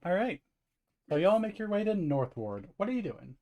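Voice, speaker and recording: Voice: mid-range voice, big pitch swings, moderate pace, darkish tone. Game master, tabletop game, laid-back, brief, casual.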